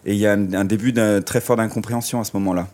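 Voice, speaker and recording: Speaking through a surgical mask on a city street, a male musician guest gives a radio interview, reflective and full of hesitations and restarts. His voice sits low and steady, a little mellow, and he talks very fast.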